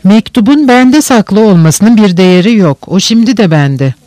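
A man narrates a novel in a steady, measured audiobook reading. His voice sits fairly high. The recording is close and dry. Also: dry recording.

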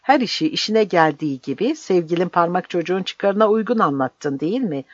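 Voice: medium pitch, lively intonation, a little fast, no echo, natural voice. A brutal, bearded male guerrilla captain roars his contempt in a raised, strained voice, as an audiobook reader puts him on. The recording is dry, with no room sound, and slightly dull. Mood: furious. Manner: roaring, harsh, contemptuous.

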